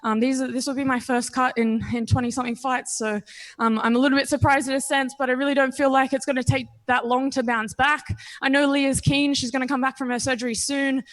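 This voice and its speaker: Australian woman, 20s, fighter at post-fight presser; slightly high, confident, candid. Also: flat delivery, fairly quick. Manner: confident, candid, casual with frequent ums. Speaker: professional MMA fighter.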